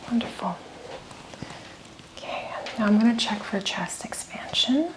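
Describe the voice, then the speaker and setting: A woman clinician in an ASMR-style medical exam, whispering gentle step-by-step instructions to her patient. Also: on the high side, expressive, measured pace, rough recording. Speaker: clinician giving a physical exam.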